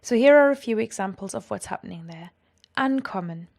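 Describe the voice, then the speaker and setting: A woman teaching a language lesson, explaining clearly and with enthusiasm and carefully pronouncing German example sentences. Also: mid-range voice, lively intonation, brisk, a little mellow.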